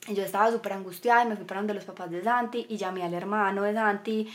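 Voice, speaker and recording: A young woman telling a personal story as a podcast guest, earnest, moving between animated and hushed. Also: medium pitch, fast talker.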